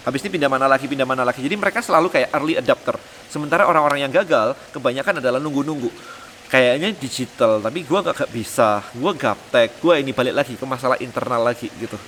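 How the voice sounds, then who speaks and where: A man hosting a motivational vlog, talking casually to camera, lively and mixing in English words. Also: medium pitch, fast, a little hiss or hum. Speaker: vlog host and business coach. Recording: roomy long reverb with faint ambience.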